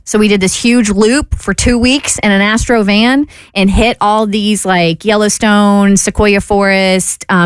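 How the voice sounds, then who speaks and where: A woman's voice: mid-range voice, smooth, no echo. Chatty woman radio co-host, dry studio. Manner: chatty, storytelling, laughs easily. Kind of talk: casual talk radio chat. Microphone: studio microphone.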